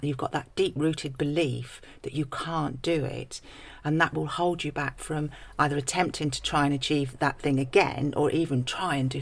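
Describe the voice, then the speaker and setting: Woman, life coach manner, encouraging, gravelly creak, conversational podcast advice. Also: deep voice.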